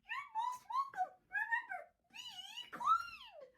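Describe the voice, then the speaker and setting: A small, kindly helper from a toddler show. The voice is squeaky and extremely high. It speaks with polite, eager courtesy. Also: female voice, very animated, slow, bright, forceful tone, heavily acted. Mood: gracious, kindly.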